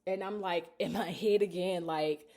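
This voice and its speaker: A woman's voice: mid-range voice, normal speed. A young woman telling a personal story to the camera in a casual, candid way, acting out the lines people said to her. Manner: casual, animated, acts out quoted dialogue. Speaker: vlogger.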